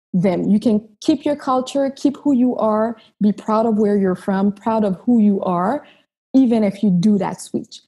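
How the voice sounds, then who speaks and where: Her voice is medium in pitch, dark and slightly rough as this Haitian woman, whose native tongue is Haitian Creole, recounts her story as a chiropractor interview guest. She comes across as earnest and reflective, frequently restarting what she says.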